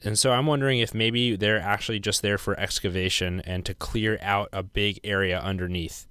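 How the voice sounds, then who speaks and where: Smooth, low-voiced inquisitive man. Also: fairly even intonation, moderate pace, pushed and bright, no echo, studio quality. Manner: inquisitive, laughs easily. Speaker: podcast co-host. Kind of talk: casual recap chat.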